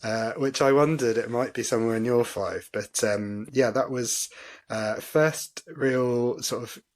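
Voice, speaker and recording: A man's voice: mid-range voice, a little slow. A man co-hosting a gaming podcast, chatting casually with a self-deprecating, rambling manner. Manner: chatty, self-deprecating, many fillers and laughs. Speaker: podcast co-host. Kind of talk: casual chat.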